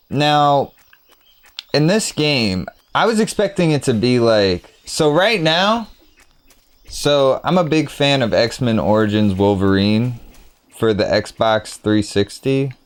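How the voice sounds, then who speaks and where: A man's voice: medium pitch, expressive, slow pace, long pauses, smooth. A man giving casual, rambling commentary as he plays a video game, thinking aloud in a playful way. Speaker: gaming streamer.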